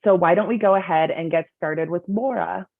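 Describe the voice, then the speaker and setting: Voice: medium pitch, fairly quick, vocal fry, no echo. A panel moderator on a video call who guides speakers in turn, friendly and organized. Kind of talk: hosting a webinar panel. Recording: tinny phone-like video call audio.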